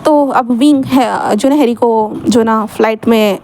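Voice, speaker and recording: Casting: high-pitched woman, chatty storyteller, faint hiss behind. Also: a little slow, a little mellow. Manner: chatty, mixing in English words. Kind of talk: casual story narration.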